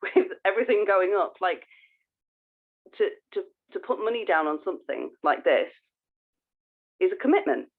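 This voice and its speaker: With a lowish, sing-song voice, a woman co-hosts a podcast at a normal speed, leaving long pauses. In casual conversation she explains things informally and often restarts her sentences, and the audio is narrow and phone-like.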